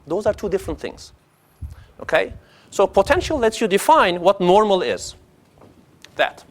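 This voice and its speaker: A man giving a conversational academic lecture as an economics professor, posing rhetorical questions and checking in often. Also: high voice.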